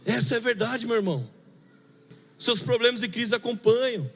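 A man preaching as a pastor, speaking in a chatty, confessional way, dropping to quiet murmurs and rising into fervent bursts. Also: extremely high pitch, moderate pace. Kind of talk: sermon. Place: church hall. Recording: long hall reverb.

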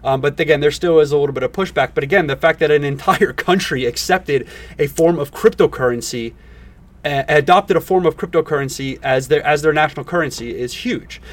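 Higher-voiced crypto-bro podcast guy, slightly off-mic. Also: recorded from a distance. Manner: halting, repetitive, filler-heavy delivery. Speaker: podcast host. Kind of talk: casual podcast commentary.

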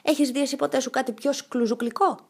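Reading from a storybook, a woman voices a bold, cheerful, eccentric little girl in a lively, bright, playful way. The character voice is high-pitched and slightly rough, pitched above her own natural voice.

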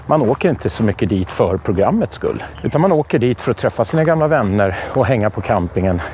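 A man hosting a podcast in relaxed, rambling casual chat, often hesitating. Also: on the low side, a little hiss or hum. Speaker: podcast host.

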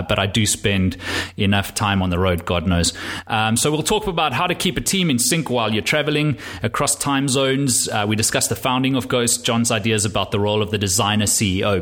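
Low-voiced man hosting a podcast. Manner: relaxed, frequent ums and laughs. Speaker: podcast host. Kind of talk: casual podcast interview. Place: poor-sounding room.

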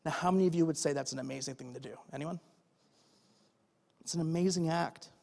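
Male pastor, high register, chatty preaching that checks in with the crowd, recorded in a church hall with long echo. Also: a little fast, creaky, a little mellow. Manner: conversational, checks in with listeners with "okay?"; asks the audience rhetorical questions. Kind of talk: sermon.

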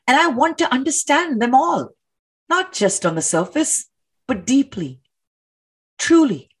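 Reading a stage play, an actress takes on a full character voice as an earnest, intellectual woman defying authority, her high, breathy voice swinging widely in pitch at a slightly slow pace. She sounds earnest and pained, speaking articulately and emphatically and posing rhetorical questions.

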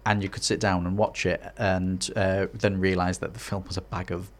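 A man's voice: sits low, little pitch movement, normal speed. A man from Hartlepool with a Teesside accent, co-hosting a casual podcast in a hesitant, rambling way. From Hartlepool, northeast England. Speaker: podcast co-host.

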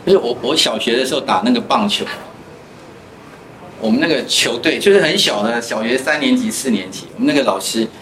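A male pastor leads a chatty Bible lesson in a church classroom, weaving in personal anecdotes. His mid-range voice is expressive and fairly bright, moving a little fast. The room is echoey, with faint background noise.

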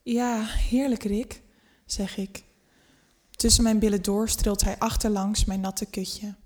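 In a mid-range voice, a woman reads a scripted first-person erotic story, unhurried and intimate. Her delivery stays steady and sometimes sinks to a near hush.

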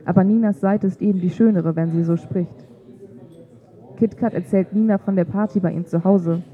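A woman reading a literary story aloud in a calm, measured way. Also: medium pitch. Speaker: narrator. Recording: tinny phone-like sound.

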